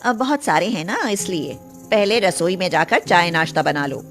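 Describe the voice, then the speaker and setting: A woman's voice: lowish voice, animated, moderate pace, fairly bright tone, faint music behind. A woman voicing a cold, bossy rich elder sister who speaks in a commanding, scornful way. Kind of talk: storybook voice acting.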